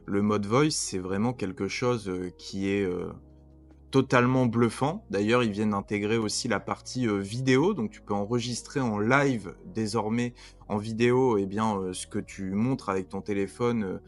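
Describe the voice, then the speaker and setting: A man's voice: fairly low pitch, normal speed, soft background music. A man hosting a casual podcast interview, asking questions with lots of hesitations and fillers. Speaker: podcast host.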